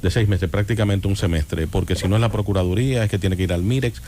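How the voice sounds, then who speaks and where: A man speaks as a radio guest. His voice sits low and sounds warm and mellow. He lays out his arguments patiently and backs them with examples. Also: fast, a little hiss or hum. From Dominican Republic. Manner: explanatory, builds arguments with examples. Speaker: guest analyst. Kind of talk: radio interview.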